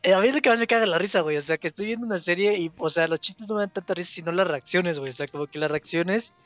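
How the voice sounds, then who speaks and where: A man's voice: high-pitched, very fast, fairly bright tone, dry recording, faint music behind. A man with a Mexican Spanish accent chatting casually on a podcast, laid-back and full of slang and fillers. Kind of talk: casual chat. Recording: slightly dull lo-fi sound.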